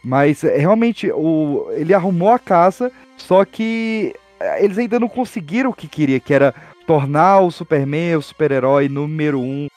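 A man's voice: a little high, animated, normal speed, darkish tone, faint music behind. A young man with a Brazilian accent, talking casually and animatedly as a podcast guest, with slangy informal phrasing. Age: young adult.

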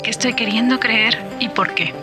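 A woman hosting a podcast, reading a scripted, reflective closing narration in a measured way. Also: a little high. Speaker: podcast host. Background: music.

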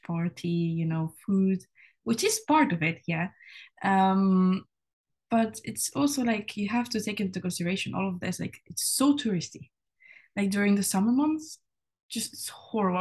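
A woman's voice: mid-range voice, darkish tone. A young woman from Spain, a university student, chatting casually as a podcast guest, with many "like" and "you know" fillers. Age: young adult.

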